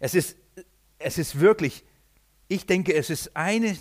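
Emphatic preacher. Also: male voice, high voice, slow pace. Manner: emphatic, many rhetorical questions. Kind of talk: sermon.

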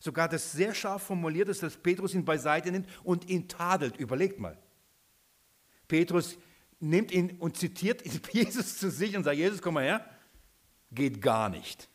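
A man's voice: fairly high pitch, lively intonation, normal speed. A man preaching a sermon, emphatic, repeating his points and asking the listeners questions.

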